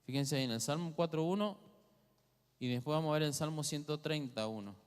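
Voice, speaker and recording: A man speaks briskly in a slightly high, clean-toned voice with an Argentine Spanish accent. He's giving a teaching sermon in a church hall, quizzing the congregation as he goes, with long hall reverb on the recording.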